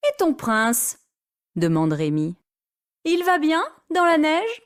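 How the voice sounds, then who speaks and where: A cheeky teenage boy who never stops teasing, his voice pitched high and bouncing between notes, as a woman puts him on for a storybook. He sounds playful and mocking, and he speaks slowly and clearly for learners. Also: big pitch swings, exaggerated voice. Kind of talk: audiobook character voice.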